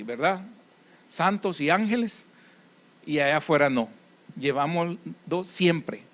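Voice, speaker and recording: Salvadoran male preacher, high-pitched, folksy conversational delivery, dull lo-fi recording. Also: a bit bright. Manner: conversational preaching with folksy anecdotes and tag questions. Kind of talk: sermon.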